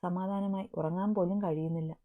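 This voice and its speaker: A woman's voice: fairly low pitch, fairly even intonation, fairly quick, lightly acted. A woman voicing a loving, teasing young husband in a storybook reading, with a narrow phone-like sound. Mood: anxious. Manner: tender, teasing.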